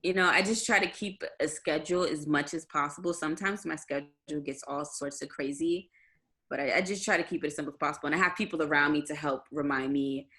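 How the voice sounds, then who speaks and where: A young adult woman chatting in an interview over a video call. Her voice sits on the lower side for a woman, and she rambles comfortably, restarting sentences and leaning on fillers. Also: fast talker, bright, forceful tone. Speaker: musician guest. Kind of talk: casual interview chat.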